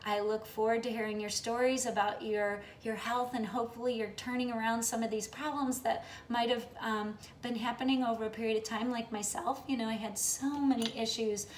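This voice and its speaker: A woman in her late fifties with a fairly high voice chats to her viewers in an upbeat, friendly way and keeps checking in with "okay?". The sound is roomy and echoey, with a faint hiss of noise behind her. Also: steady tone, a little fast, hardly any pauses. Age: late 50s. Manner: chatty, upbeat, often ends with "okay?". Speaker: vlogger. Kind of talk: casual vlog talk to viewers.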